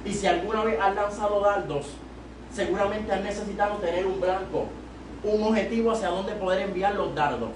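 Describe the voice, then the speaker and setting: In a small church sanctuary, a young Puerto Rican man preaches at a youth service, gripping a handheld mic at the pulpit and climbing to loud, emphatic peaks as he exhorts. He speaks in a high-pitched voice at normal speed, with a Puerto Rican Spanish accent. Filmed from a distant camera, the audio is noisy and echoey.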